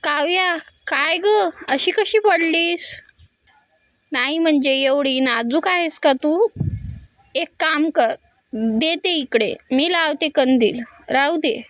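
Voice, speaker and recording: A woman voicing a scheming young woman who mocks a rival in a slow, sugary tone. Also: high voice, a bit bright, dry recording, highs cut off. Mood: mock concern.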